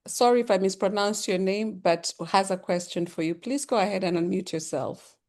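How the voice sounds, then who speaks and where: A middle-aged woman hosting a webinar, asking measured, polite questions. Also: medium pitch, darkish tone. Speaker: webinar host and interviewer. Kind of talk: webinar interview. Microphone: video call.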